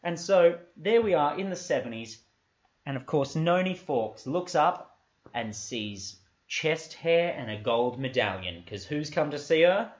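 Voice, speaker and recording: A man co-hosting a comedy podcast, telling an improvised story in a deadpan, playful manner. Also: on the high side, measured pace. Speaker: podcast co-host. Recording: echoey room, lo-fi.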